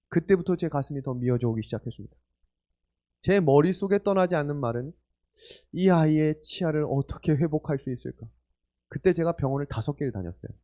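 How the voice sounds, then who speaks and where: Man, 40s, pastor, sermon, earnest storytelling, fairly high pitch, warm tone. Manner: earnest storytelling preacher, asks the audience questions. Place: church hall or retreat meeting room.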